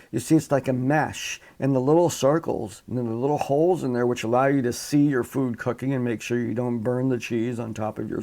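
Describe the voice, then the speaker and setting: A man's voice: mid-range voice, gravelly, mellow. A man teaching a live online psychology class, talking casually into his computer microphone with frequent restarts and asides. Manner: casual, rambling with restarts, demonstrates sounds with his voice. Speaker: psychology instructor.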